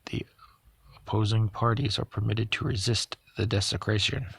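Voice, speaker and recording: A man's voice: on the low side, fairly even intonation, normal speed, creaky, slight background noise. A man reading the formal, haughty lines of an ancient aristocratic vampire count in an audiobook. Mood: stern.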